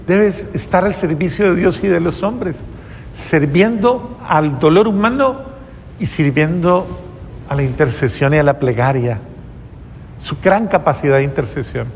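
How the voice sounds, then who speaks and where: A man's voice: a little high, in a large hall, a little hiss or hum. A man preaching a sermon earnestly, often restarting his phrases.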